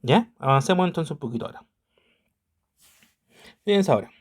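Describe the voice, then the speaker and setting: A man runs an online math lesson with patience, checking in with students almost constantly through tag questions. His voice is a little high and fast, expressive, with a breathy edge.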